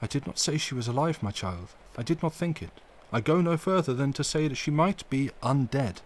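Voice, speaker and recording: A grave elderly professor speaks in slow, formal, halting phrases, stern and tender at once, as a male reader puts him on. The voice sits higher and louder than the reader's own. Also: animated, a little hiss or hum, close to an everyday voice.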